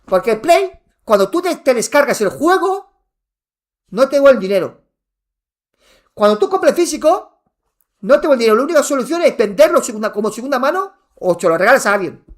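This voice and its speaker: Wearing headphones, a male gaming streamer rants at his chat live, heated and nearly shouting, repeating himself and swearing. His voice is very high, sing-song, and a little fast.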